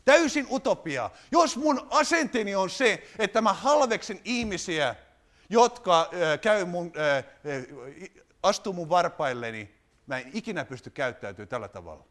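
A man preaching a sermon, animated, putting rhetorical questions to his congregation. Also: sits high.

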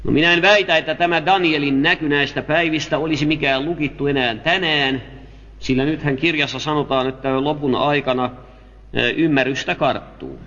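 A man with a fairly high voice delivers a sermon, reading scripture and explaining it in a measured, careful way. The audio is dull and lo-fi, with long reverb from a large hall. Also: pushed and bright. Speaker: preacher. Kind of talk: Bible teaching sermon.

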